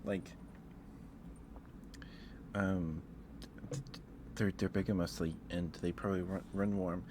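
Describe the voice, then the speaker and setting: The streamer is a man with a low voice, a level tone, and a measured pace. He rambles casually on an ASMR livestream, thinking aloud hesitantly and repeating himself, with background noise clearly present.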